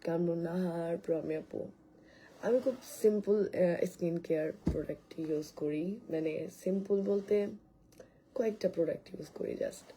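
A woman, hoarse from coughing, rambles casually through a live stream and answers viewer comments. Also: fairly low pitch, moderate pace, dark tone, slight background noise, low-quality recording. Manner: rambling, restarts a lot, reads commenters' names aloud. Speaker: live streamer selling skin care.

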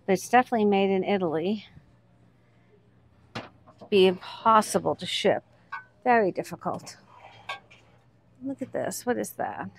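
A woman's voice: mid-range voice, animated, a little slow, gravelly, long pauses. A woman hosting a vlog, chatting casually as she points out items on shop shelves one by one. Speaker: vlog host, reseller. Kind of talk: casual commentary while browsing a shop.

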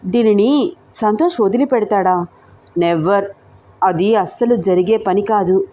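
A woman's voice: medium pitch, a little slow, dark tone, natural voice. Chatty gossiping college girl in a storybook romance, voiced by the storyteller. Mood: gossipy. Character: young woman student, gossipy friend.

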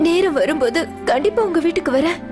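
A woman's voice: very high voice, animated, quick pace, music in the background. A woman dubbing a frightened young woman in a film, pleading and tearful over a film score.

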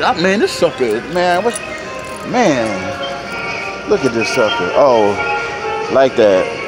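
A man from North Carolina, a truck driver casually vlogging to viewers in an animated, folksy way. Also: mid-range voice. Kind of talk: casual vlog talk to viewers. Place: truck stop, indoors and outdoors in the lot.

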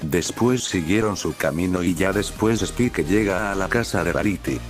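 A man reading a fan fiction story aloud in a plain, unhurried way. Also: deep voice, faint music behind.

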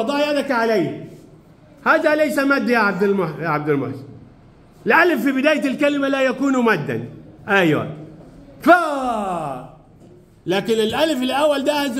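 Very high-voiced male teacher. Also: animated, a bit bright. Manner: brisk questioning, calls pupils by name and repeats their answers. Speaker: primary school teacher. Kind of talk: classroom lesson. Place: school classroom.

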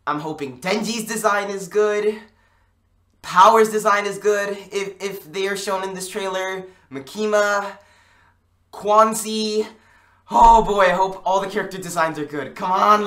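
A YouTube host reacting to an anime trailer, gushing and excitable, often restarting sentences and breaking into excited shouts. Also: medium pitch, unhurried.

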